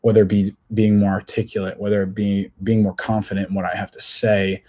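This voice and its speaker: A man's voice: fairly low pitch, flat delivery, fairly quick, warm tone. A man in his twenties hosting his own podcast, talking alone in a candid, rambling, self-questioning way. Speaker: podcast host. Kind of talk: casual solo podcast monologue.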